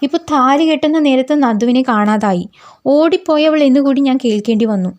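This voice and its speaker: A woman's voice: high-pitched, lively intonation, fairly quick, darkish tone. A woman reading out a bitter jilted groom. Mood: angry. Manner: bitter, accusing. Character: angry young man, a jilted groom.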